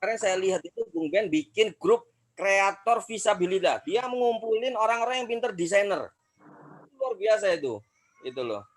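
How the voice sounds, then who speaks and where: A man's voice: high-pitched, lively intonation, moderate pace, no room sound, low-quality recording. A man in his forties asking a pleading question on a video call, his glitching audio cutting in and out. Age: 40s. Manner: pleading, repeats "ya kan" and "gitu kan". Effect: glitching audio that keeps cutting out. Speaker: webinar participant asking a question.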